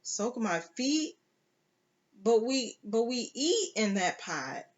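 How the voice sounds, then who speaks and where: A weary, frightened young woman pleads in a tired voice, as a storybook reader puts her on. She speaks slowly. The sound is dull and lo-fi. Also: medium pitch, big pitch swings, pitched above the performer's own voice.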